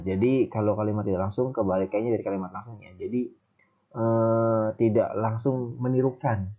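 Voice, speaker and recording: Man teaching, tinny phone-like sound. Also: on the low side. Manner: explains step by step with frequent fillers. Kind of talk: classroom grammar lesson.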